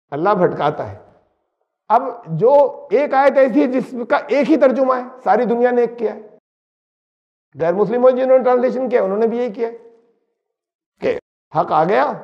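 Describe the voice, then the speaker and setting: A man giving a religious lecture who recites Arabic verses and explains them, asking his listeners questions as he goes. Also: high-pitched. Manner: recites Arabic verses, then explains them in Urdu with English words mixed in; animated, asks the listeners questions. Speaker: Islamic preacher. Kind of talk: religious lecture on Quran translation. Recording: dull lo-fi recording.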